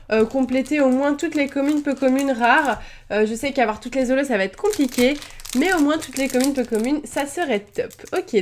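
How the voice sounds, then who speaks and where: A young woman chatting casually as she opens trading card packs at home, hesitant and full of fillers but excitable. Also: high-pitched, slight background noise. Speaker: YouTuber opening trading cards. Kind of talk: casual card-opening commentary.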